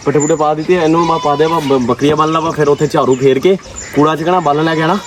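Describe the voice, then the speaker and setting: A man with a Pakistani Punjabi accent chatting casually to his vlog viewers, expressive and often repeating himself. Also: a little high, fast, background noise. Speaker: vlogger.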